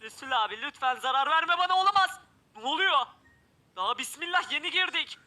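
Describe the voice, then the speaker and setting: Very high-pitched excitable gaming man. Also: brisk. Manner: exclamatory, often crying out in alarm. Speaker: gameplay commentator. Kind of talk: excited let's-play commentary.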